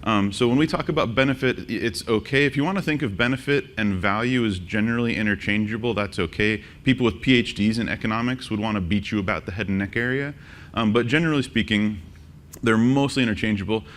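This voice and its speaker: A man presenting a conference workshop, joking and quizzing the audience with quick questions. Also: on the low side, fairly bright tone. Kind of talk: interactive conference talk. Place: conference session room.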